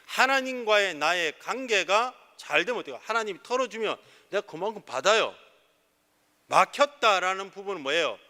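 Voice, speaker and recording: A man's voice: high-pitched, expressive, normal speed, bright, forceful tone. A middle-aged man preaching a sermon as pastor of a church, asking his listeners rhetorical questions and answering them himself. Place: church sanctuary. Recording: reverberant church hall.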